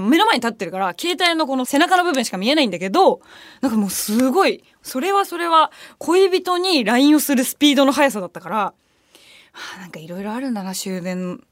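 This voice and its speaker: A young woman radio host who talks very fast in a bright, higher voice. She tells stories with lots of laughter and playful mock retorts. The recording is close and dry, from a studio. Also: dry recording. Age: young adult. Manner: animated storytelling, laughs often, mock retorts. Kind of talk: casual chat. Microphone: studio microphone.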